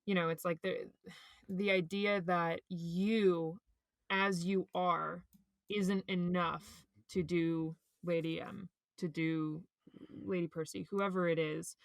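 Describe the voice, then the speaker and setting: A woman's voice: on the low side, fairly even intonation, slow, vocal fry, no echo. Thoughtful woman talking on a video call. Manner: thoughtful, rambling with restarts. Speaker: actor and podcast host. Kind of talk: casual conversation about acting.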